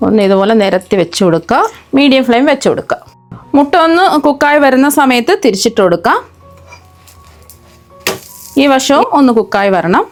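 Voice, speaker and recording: A woman hosting a cooking channel, explaining a recipe step by step in a steady voice-over. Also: a little high.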